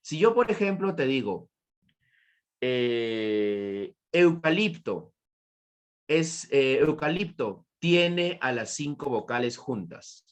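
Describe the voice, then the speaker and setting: Man, teacher, Peruvian Spanish accent, animated intonation, repetitive, asks questions, praises answers. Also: medium pitch, slow. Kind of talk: online class lecture.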